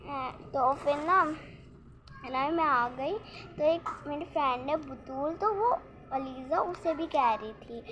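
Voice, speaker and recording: Young woman, vlogger, very high voice, rambling, excitable, noisy background. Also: slow pace. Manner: rambling, restarts often, excitable retelling. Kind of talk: casual storytelling vlog.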